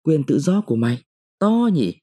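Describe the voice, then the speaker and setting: Blustering mandarin husband, read by a man, mellow voice, lively pitch. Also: normal speed. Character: blustering middle-aged mandarin husband, later meek.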